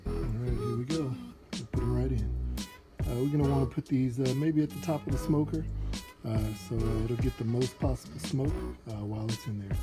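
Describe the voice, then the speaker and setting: A man's voice: medium pitch, fairly quick, over loud music. A middle-aged man hosting a casual cooking how-to, chatty and full of "uh" fillers and self-corrections. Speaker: host of a barbecue cooking channel.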